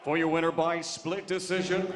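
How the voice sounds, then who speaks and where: A man announcing from the boxing ring in a showy, drawn-out, booming style like a lucha libre announcer. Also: little pitch movement. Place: boxing ring in a casino resort arena. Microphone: announcer's microphone over PA. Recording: echoing arena, loud noisy crowd.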